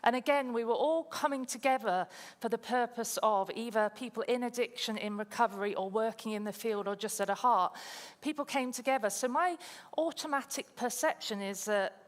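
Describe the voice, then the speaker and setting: A woman's voice: fairly high pitch, normal speed. Chatty woman preaching in echoing hall. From South Coast of England. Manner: chatty, self-deprecating storytelling. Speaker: guest speaker. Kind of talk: sermon with personal story. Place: church hall. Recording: long church hall reverb.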